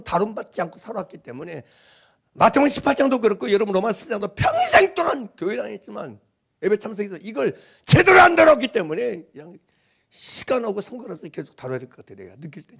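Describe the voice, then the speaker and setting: A man's voice: high-pitched, big pitch swings, fast, gravelly, fairly bright tone, slightly rough. A middle-aged male pastor preaching a sermon, emphatic and repetitive, firing questions at the congregation.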